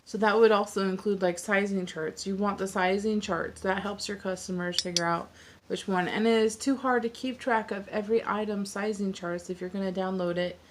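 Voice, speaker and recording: A woman's voice: mid-range voice, darkish tone. Woman store owner rattling off how-to tips at speed, blunt and fed up with tedious work. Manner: chatty, exasperated, blunt. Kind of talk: fast casual tutorial rant.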